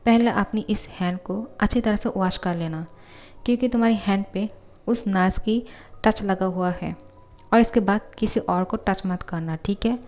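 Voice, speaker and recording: A woman's voice: mid-range voice, moderate pace, darkish tone, soft background music, natural voice. A woman reading the part of a jealous, sulky ten-year-old boy in a fan fiction voiceover. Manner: curt, scolding.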